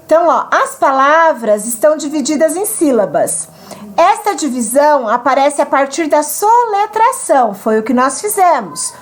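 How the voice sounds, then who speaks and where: A woman's voice: sits high, big pitch swings, normal speed. A woman teaching an online grammar lesson, patient and explanatory, often checking in with her listeners.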